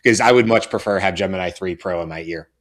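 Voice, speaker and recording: A man's voice: sits low, quick pace. A middle-aged man co-hosting a panel show, chatting casually with many fillers and restarts. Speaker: co-host.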